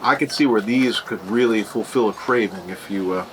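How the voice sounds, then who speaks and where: A man's voice: fairly low pitch, moderate pace. A man giving a casual taste-test review as host, rambling and thinking aloud. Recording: clearly noisy room ambience.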